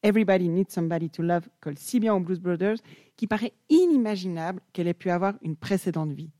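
A woman's voice: lowish voice, expressive, fast, warm tone, no echo, studio quality. A young woman presenting an enthusiastic music chronicle on the radio.

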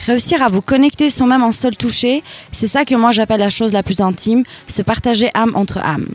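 A woman's voice: on the high side, fairly quick, faint music behind. A woman hosting a show, reading a prepared monologue to listeners, then leading a group chat with questions. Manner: addresses listeners directly, leads questions. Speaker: podcast host.

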